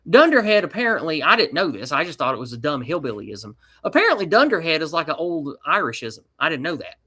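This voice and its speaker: A man's voice: a little high, big pitch swings, fast, pushed and bright, husky. A man from East Tennessee with a mountain twang, talking in a folksy, rambling way as a guest on a casual podcast chat. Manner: folksy, rambling, with colloquial slang.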